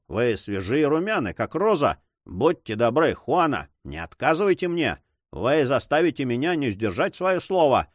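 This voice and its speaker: A man voicing a courteous, fatherly older governor who persuades in a gentle way. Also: medium pitch, no room sound, clean studio sound.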